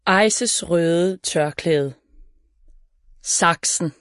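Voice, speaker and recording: Low calm woman reading a kids' story. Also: no echo, clean studio sound. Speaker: narrator. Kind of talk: reading a children's story aloud.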